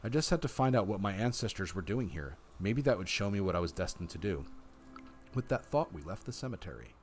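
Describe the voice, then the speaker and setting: Male streamer, low and lively, narrating a story game and saying which options he picks. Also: fairly quick, faint music behind. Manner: reads game text and announces his choices. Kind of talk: reading a story game aloud.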